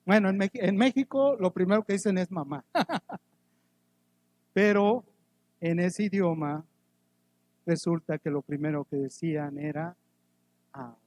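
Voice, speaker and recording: A man preaching a sermon as pastor, swinging from loud emphatic rises to soft quiet drops, asking the congregation questions, with touches of humor. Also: high voice, a little slow, long pauses. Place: church.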